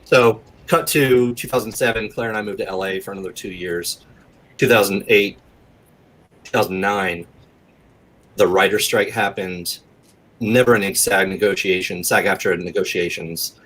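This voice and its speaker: This is a forties-aged man from the southeastern US, speaking at normal speed in a low, steady, fairly bright voice while casually recounting his life as an interview guest. He rambles a little and is candid, and the audio is poor.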